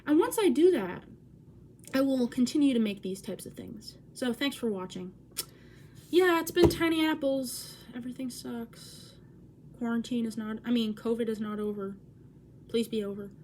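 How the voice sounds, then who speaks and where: A woman's voice: fairly high pitch, lively intonation, normal speed, noisy background. A woman in her twenties vlogging at home, talking in an awkward, rambling way, cutting herself off and swearing. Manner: awkward, self-interrupting, swears. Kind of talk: casual rambling vlog. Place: at home by a window.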